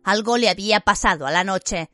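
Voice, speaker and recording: A woman narrating an audiobook in an expressive storytelling manner. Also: mid-range voice, brisk, dry recording, faint music behind.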